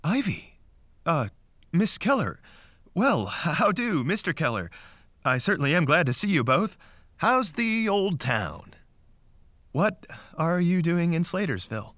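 Young shoe clerk, polite, flustered, high voice, lively pitch, dry close sound. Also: male voice, fast, hardly any pauses, dry recording. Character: tall young male ballplayer turned shoe clerk. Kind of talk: audio drama acting.

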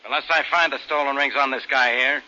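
An actor playing a blustery, sarcastic American police inspector in a 1940s radio drama. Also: male voice, medium pitch, fairly even intonation, fast, bright, forceful tone. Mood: gruff, skeptical. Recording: muffled old 1940s radio recording.

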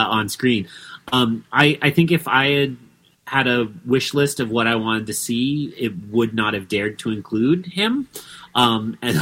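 A man chatting on a podcast as a guest, excitable, with many restarts and fillers. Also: fairly low pitch. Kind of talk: casual podcast chat.

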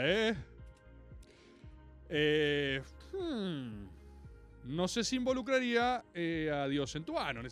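Brief: Argentine male streamer, high and bouncy voice, teasing and swearing with his chat, then slowing into musings. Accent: Rioplatense Argentine Spanish. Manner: animated, teasing and profane, with slow musing asides. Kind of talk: casual live-stream monologue.

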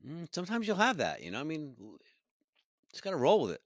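A man's voice: fairly high pitch, wildly swooping pitch, fast, dry recording, clean studio sound. A man co-hosting a casual podcast, upbeat and teasing his partner with encouragement. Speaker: podcast co-host. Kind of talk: casual chat.

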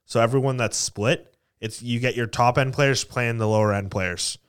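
A man's voice: medium pitch, moderate pace, clean tone. A man co-hosting a casual sports podcast, often restarting his sentences and chiming in with short reactions. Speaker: podcast co-host.

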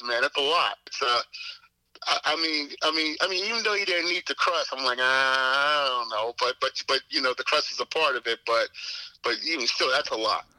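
A man's voice: a little high, sharp tone, no room sound, poor audio. A man, talking casually as a guest in an interview, rambling with lots of "you know what I'm saying". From Queens, New York. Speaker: competitive eater guest.

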